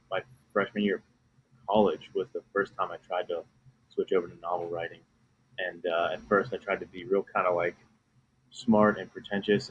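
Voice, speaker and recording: Low-voiced young man on a muffled line. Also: a little hiss or hum. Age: 20s. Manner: eager, conversational storytelling. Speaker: author guest. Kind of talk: casual podcast interview.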